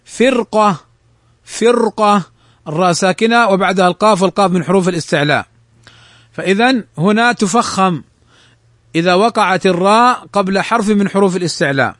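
A man with a high voice teaches the rules of Quran recitation. He explains each rule step by step and slows down to recite and repeat the example words. The recording is close and dry, with no room sound. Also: fairly bright tone, no room sound. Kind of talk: lesson on tajweed rules.

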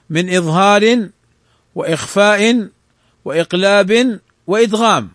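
A man teaching the rules of Quran recitation, explaining a text and slowly reciting examples to show each rule. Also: high-pitched, fairly bright tone, no room sound, clean studio sound. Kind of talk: tajweed lesson explaining a text.

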